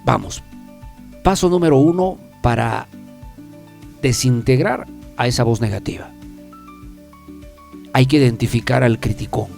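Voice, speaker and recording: A man's voice: medium pitch, a little slow, vocal fry, pauses often, a little mellow, soft background music. A man hosting a self-help talk program, speaking emphatically and repeating key phrases for the listener. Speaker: self-help radio host. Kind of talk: motivational talk show monologue.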